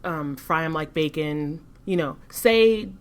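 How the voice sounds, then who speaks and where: A woman co-hosting a podcast in casual discussion, measured and critical, often restarting her sentences. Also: low voice. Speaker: podcast co-host.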